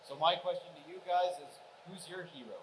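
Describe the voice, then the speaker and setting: A man's voice: fairly high pitch, a little fast, crowd noise, low-quality recording. A man in the audience earnestly asking the panel a question. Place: convention hall audience.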